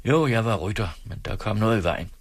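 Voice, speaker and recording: Low husky man voicing a wry, stubborn ex-soldier farmhand, calm and cheeky. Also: no room sound. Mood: earnest. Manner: plain-spoken, calm and wry. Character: sly, stubborn former cavalryman, a farmhand.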